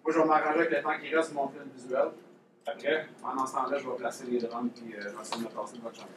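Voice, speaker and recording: This drumline instructor, who has a Quebec French accent, talks fast in a medium-pitched voice with fairly even intonation. He demonstrates technique casually and repeats the key points. The room is echoey, the mic is far off, and the audio is noisy.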